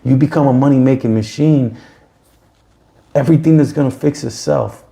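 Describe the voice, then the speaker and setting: A podcast host in his forties gives an earnest pep talk in casual chat, repeating himself as he goes. His mid-range voice is gravelly and mellow, at a normal speed.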